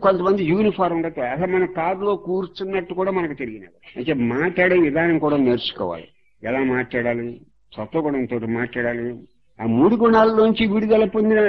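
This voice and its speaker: A man's voice: high voice, muffled recording. A man giving a religious discourse as a spiritual teacher, moralizing and repeating each point to drive it home.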